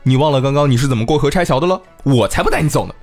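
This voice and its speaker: A man's voice: medium pitch, expressive, very fast, a little mellow, faint music behind, lightly acted. A man voicing an exasperated young man who talks bluntly and sarcastically to his sister, in a comic story retelling. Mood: scornful.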